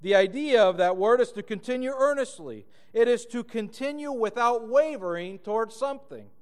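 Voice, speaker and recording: A man from Argentina preaching a sermon as a pastor, earnest and emphatic, slowing down to read scripture aloud. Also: very high-pitched, animated, big-room sound.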